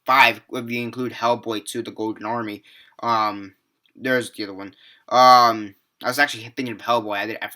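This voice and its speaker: Sharp in tone and medium in pitch, this seventeen-year-old's voice carries a rambling, offhand movie review. Fillers crowd his speech, he restarts sentences often, and he swears now and then.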